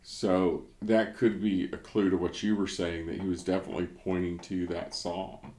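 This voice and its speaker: A man's voice: deep voice, little pitch movement, moderate pace, a little mellow, roomy sound, slight background noise. A man from the United States, a pastor, reflecting in a casual devotional discussion and often searching for words.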